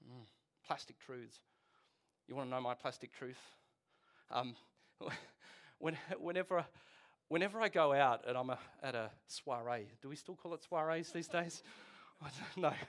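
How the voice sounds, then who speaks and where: In a conversational sermon, a forty-something pastor jokes around and keeps quizzing the congregation. He speaks unhurriedly at a medium pitch, pausing often, with a fairly bright tone.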